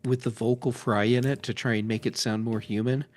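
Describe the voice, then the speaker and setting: A man's voice: medium pitch, level tone, a little fast, darkish tone. A man on a tech podcast panel chatting casually and candidly, with a griping way of talking.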